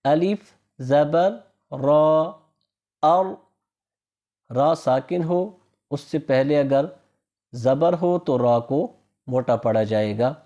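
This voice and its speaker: Recitation teacher, mellow tone, slow syllable drills, stretched vowels, short calm explanations. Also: mid-range voice, lo-fi sound. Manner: brief, calm rule explanations between drills. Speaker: Quran reading teacher.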